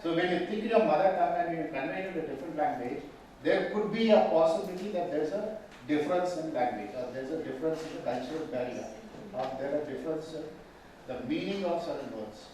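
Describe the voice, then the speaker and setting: A mediation trainer from Tamil Nadu, India, gives a classroom lecture and keeps throwing questions to the room. His voice sits on the high side with a darkish tone, and he talks fast with lively intonation. He is far from the mic in a large, very echoey training hall with a faint hum.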